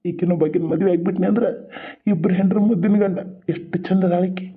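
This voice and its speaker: A sly, scheming middle-aged village man from a cartoon serial, who mutters his plans under his breath. His voice sits high for a man. The sound is narrow and phone-like. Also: steady tone, fast, slightly rough. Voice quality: muttering, sly asides to himself.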